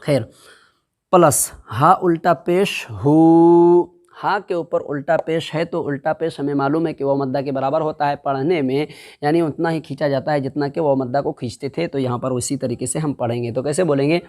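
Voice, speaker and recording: A man teaching Quran reading in a step-by-step lesson. He, drills the syllables slowly and asks and answers his own questions. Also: fairly high pitch, fairly even intonation, darkish tone.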